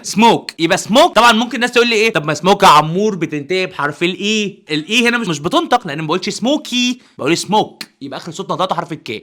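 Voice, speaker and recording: A man with an Egyptian accent teaching English in a playful, animated way, asking his listeners questions and answering them himself. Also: high voice. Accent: Egyptian Arabic. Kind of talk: playful classroom explanation.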